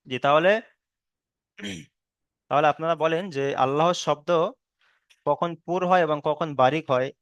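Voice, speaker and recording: A man teaching Quran recitation rules in a patient online lesson, explaining slowly, checking in with students, and drawing out chanted examples. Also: mid-range voice, a bit bright, clear, resonant tone, no room sound, lo-fi sound. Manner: drawn-out chanted Arabic examples.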